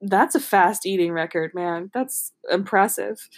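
Woman reading a book out loud, kinda giggly, mid pitch, keeps stopping to joke about it. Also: unhurried. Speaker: podcast host reading a book aloud. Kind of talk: amateur novel read-aloud with casual commentary.

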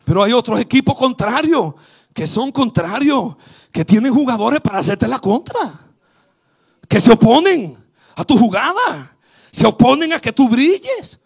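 Very high, gravelly Dominican preacher man. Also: sing-song, a little slow. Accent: Dominican Spanish. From Dominican Republic. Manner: fervent preaching that swells to shouts, calls out to the congregation. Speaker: bishop preaching. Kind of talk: sermon. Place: church service.

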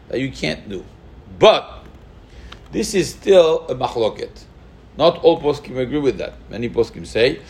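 A man teaching a halachic lesson, thinking aloud with rhetorical questions and mixing Hebrew terms into his English. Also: on the high side. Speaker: Torah teacher. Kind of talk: halachic lecture.

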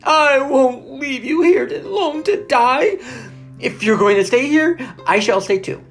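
A woman's voice: high voice, lively intonation, a little slow, soft background music, voice pushed up. A woman voicing a desperate, emotional young male pig in a storybook, crying out and pleading. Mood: anguished. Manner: cries out in anguish, stretching words. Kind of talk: dramatic storybook character reading.

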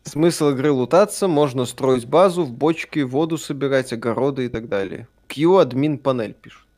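A man with a mid-pitched voice co-streams a game. He chats casually and relays what viewers write. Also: normal speed, darkish tone. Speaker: co-streamer reading out viewer messages and thanks. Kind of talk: casual gaming stream chat.

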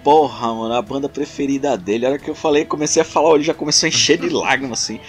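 A Brazilian man in casual podcast chat, an animated storyteller full of slang who acts out the dialogue. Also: mid-range voice, racing, soft background music. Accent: Brazilian Portuguese.

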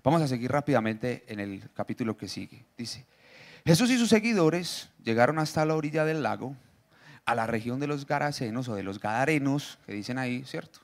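A man preaching a sermon, reading scripture and joking with the congregation through quick questions. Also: mid-range voice, expressive. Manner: jokey, asks the audience questions, reads scripture aloud.

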